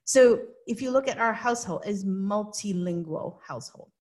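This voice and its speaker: Her voice sits in the mid range, a little mellow, with lively intonation and a normal speed. This Hong Kong woman, speaking Hong Kong-accented English as an interview guest, explains things earnestly and keeps tagging on "right?"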